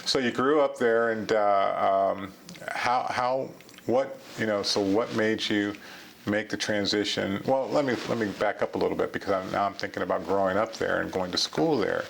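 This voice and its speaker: Male host, deep gravelly voice, genial and meandering questions, faint hiss behind. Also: fairly even intonation. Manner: halting, many restarts, genial. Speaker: interview host. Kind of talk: casual interview conversation.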